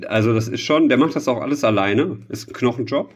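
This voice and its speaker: A male podcast co-host banters casually with friends, rambling, joking, and putting himself down. His mid-range voice is brisk with a breathy edge, and the recording sounds dull and lo-fi.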